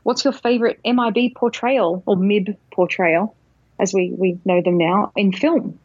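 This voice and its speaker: A woman's voice: mid-range voice, steady tone, a little slow, a little mellow, husky, dry recording. A woman co-hosting a podcast in a casual, playful, easygoing way. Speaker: podcast co-host. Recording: dull, lo-fi voice track.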